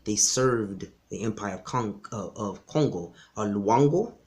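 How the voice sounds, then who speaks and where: A man's voice: fairly low pitch, animated, unhurried, a little mellow. A man, a martial arts instructor, giving an insistent direct-to-camera history lecture, often restarting his sentences. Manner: emphatic, insistent, frequent restarts.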